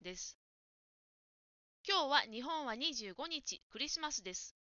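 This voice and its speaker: A woman tutoring in Japanese, giving patient spoken feedback to a student and slowly modelling the right pronunciation. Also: high-pitched, expressive, no room sound, lo-fi sound. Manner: gentle, patient, slows down to model words.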